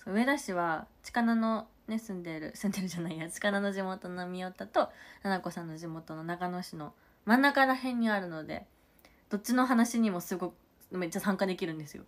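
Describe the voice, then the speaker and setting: A woman's voice: lowish voice, brisk. A young woman from Nagano chatting casually on a livestream and thanking viewers for their comments between stories. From Nagano, Japan. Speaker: idol livestream host.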